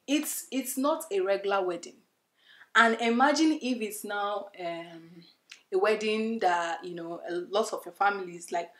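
Girl in her 20s doing a perfume vlog, slow emphatic talk, roomy echo. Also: mid-range voice. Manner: chatty and emphatic, addressing viewers as "you guys". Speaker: beauty vlogger. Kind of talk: casual perfume review to camera. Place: indoor room, plain wall. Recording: echoey room.

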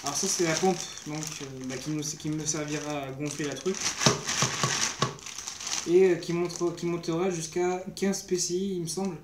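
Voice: medium pitch, steady tone, moderate pace. A young vlogger talking casually while unboxing gear, hesitant and rambling, often searching for words. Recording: roomy echo with clear background noise and crinkling.

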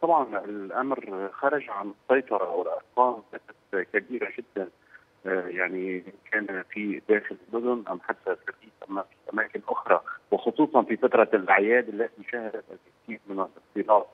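A male political analyst calling in to a news program on a bad phone line, speaking hesitantly and pausing to search for words. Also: lowish voice. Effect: poor-quality phone line. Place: Beirut, by phone. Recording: tinny, husky phone line.

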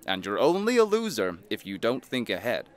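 In this scripted audio play, an actor portrays a cynical, greedy rich businessman who is mocking and slickly persuasive. His fairly low voice swings hugely in pitch at a moderate pace, and the mood is one of slick persuasion.

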